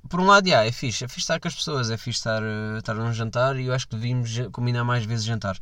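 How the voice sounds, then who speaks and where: A man's voice: medium pitch, dry recording. A young man with a European Portuguese accent hosting a casual solo podcast, joking at himself and breaking into mock voices. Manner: animated, self-mocking, quick asides and mock voices. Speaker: podcast host. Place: quiet room at night.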